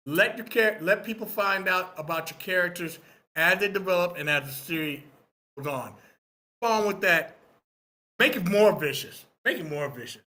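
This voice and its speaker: During a screenwriting critique workshop, a man gives opinionated feedback, emphatic and instructive, repeating points to drive them home. His voice sits high with a bright, forceful tone, and he talks at a normal speed.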